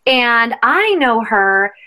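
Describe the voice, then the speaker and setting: A woman's voice: on the high side, very animated, very slow, bright, forceful tone, poor audio. An American woman chatting casually as a podcast co-host, recorded at home in a bedroom.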